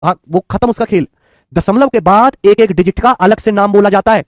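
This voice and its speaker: A man's voice: high voice, normal speed, no room sound, clean studio sound. A man teaching math in an online exam-prep lecture, coaxing and repetitive, calling his students children and friends.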